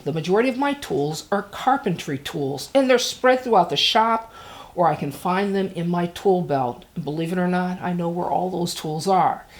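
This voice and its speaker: A woman hosting a DIY tips vlog, talking casually and directly to the viewer with emphatic, instructional delivery. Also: mid-range voice. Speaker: host of a DIY tool tips show.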